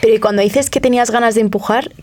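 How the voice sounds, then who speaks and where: A woman's voice: a little high, fairly even intonation, very fast, a little mellow. A woman hosting a casual podcast interview, encouraging her guest with guiding questions.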